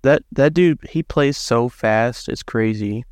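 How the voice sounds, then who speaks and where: A man with a flat, deadpan, monotone delivery, chatting casually on a podcast. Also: medium pitch, slow pace, no room sound, studio quality. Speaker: podcast cast member.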